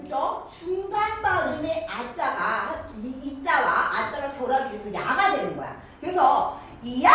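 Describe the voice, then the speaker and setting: A woman teaching a middle school grammar lesson, lively and coaxing, checking in with her students again and again. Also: high voice, slight background noise. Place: classroom. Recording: echoey classroom, mic far off.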